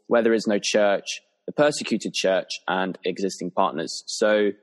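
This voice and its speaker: A young Englishman hosts a podcast, putting easygoing questions to his guest in a casual interview. His voice is low and he talks at a normal speed.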